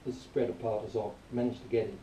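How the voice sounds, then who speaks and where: A man with a mellow, mid-range voice talks fast, his pitch barely moving, as he offers a casual and disgruntled product review straight to camera. Recorded in a small enclosed room on a camera mic some distance away, the sound is roomy with faint noise.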